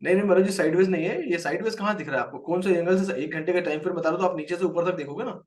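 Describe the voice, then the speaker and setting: Indian man, trading teacher, quick delivery, high voice, slightly distant mic. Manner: explains a chart, quizzes viewers by name. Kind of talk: live market lesson.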